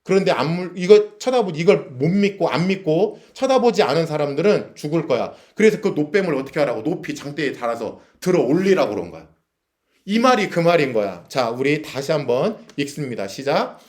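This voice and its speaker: Man, chapel Bible teacher, lively questions, reads verses, acts out scenes. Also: a little high, brisk. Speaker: teacher leading a youth chapel. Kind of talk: Bible teaching to young people.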